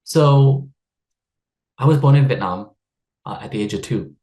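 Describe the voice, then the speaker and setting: With a warm tone, lively intonation, and measured pace, a US-raised man from the Seattle area hosts a live online wellbeing workshop as a stress coach. His medium-pitched delivery is chatty and upbeat, full of laughs and fillers.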